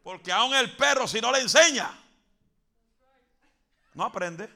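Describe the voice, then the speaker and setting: Preacher guy, high voice, shouts when he gets going, mixes in english. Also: animated, measured pace. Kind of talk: Pentecostal sermon.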